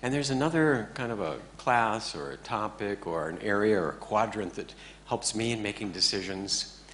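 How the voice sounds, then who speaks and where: A man teaching a class in a relaxed, joking way, often checking in with his listeners. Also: lowish voice, normal speed, slight background noise. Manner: joking, conversational, keeps checking in with the audience. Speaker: meditation teacher. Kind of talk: informal talk to a class.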